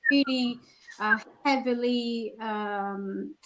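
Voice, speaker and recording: A woman panelist speaks on a video call, halting often with fillers as she searches for words. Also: on the high side, a bit bright, rough recording. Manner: hesitant, pauses with fillers. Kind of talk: casual panel discussion.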